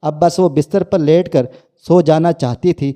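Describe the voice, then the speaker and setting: A man narrating a scripted family story in a plain, steady way. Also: fairly high pitch.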